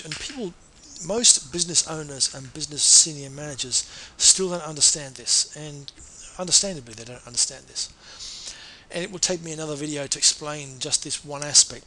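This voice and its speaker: Guy doing an earnest sales pitch, bright forward voice, bit of hum in the back. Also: low-quality recording. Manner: earnest, persuasive, self-correcting. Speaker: marketing consultant.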